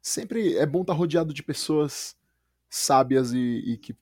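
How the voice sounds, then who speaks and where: A man's voice: a little high, a little slow, a little mellow, no echo, studio quality. A man hosting a casual podcast interview, enthusiastic and repeating words for emphasis. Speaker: podcast host.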